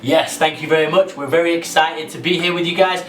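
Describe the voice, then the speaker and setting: A man's voice: a little high, fairly even intonation, a little fast, a bit bright. Playful man. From London, England. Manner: upbeat, playful, with filler ums. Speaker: children's workshop co-host. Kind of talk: friendly introduction to young children. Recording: echoey room, mic at a distance.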